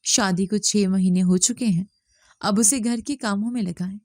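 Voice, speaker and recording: A woman's voice: medium pitch, a little mellow, no echo, studio quality, lightly acted. A woman voicing a young husband abroad who speaks tersely and insistently. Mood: frustrated. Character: young husband working abroad, frustrated and suspicious.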